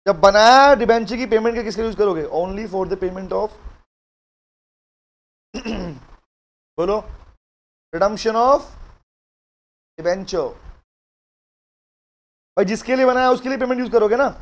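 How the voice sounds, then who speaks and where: A middle-aged man with an Indian English accent teaching a live law class, dictating notes slowly in mixed Hindi and English and calling on students by name. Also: sits high. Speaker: law lecturer.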